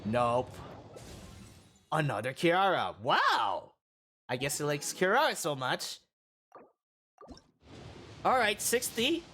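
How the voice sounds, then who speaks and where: Man, gaming streamer, morning voice, unhurried, pitch swinging up and down, halting, rambling. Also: slight background noise. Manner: halting, rambling, excited bursts. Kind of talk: casual gacha-roll commentary.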